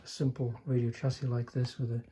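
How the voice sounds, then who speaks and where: With a warm, slightly rough mid-range voice, an older man talks at a fairly quick, level clip. He's a radio repairer giving a casual hands-on look at a restored chassis, hesitant and understated, with trailing remarks.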